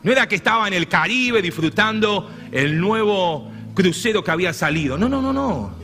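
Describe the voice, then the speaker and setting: A man preaching a sermon as pastor, swinging between hushed, tender phrases and loud exclamations. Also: sits high, expressive, normal speed. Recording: long reverb with faint music behind.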